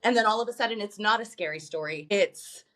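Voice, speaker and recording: A woman co-hosting a podcast in casual chat, animated, swearing freely and acting out lines from a movie. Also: mid-range voice, fairly quick. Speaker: podcast co-host.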